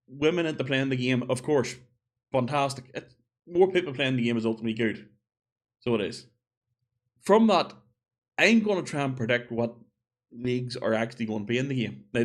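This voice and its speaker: Chatty man thinking aloud. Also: mid-range voice. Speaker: gaming video creator. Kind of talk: casual opinion monologue.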